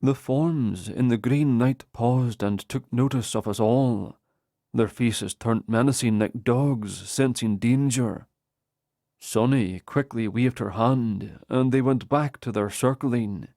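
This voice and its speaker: Slow, measured male audiobook narrator. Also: mid-range voice, mellow, dry recording, clean studio sound. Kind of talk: first-person audiobook narration.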